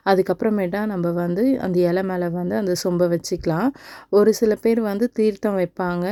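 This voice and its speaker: A young woman with a Tamil accent calmly explains a home ritual step by step as a vlogger, slowly chanting short prayers. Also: medium pitch, dry recording, clean studio sound.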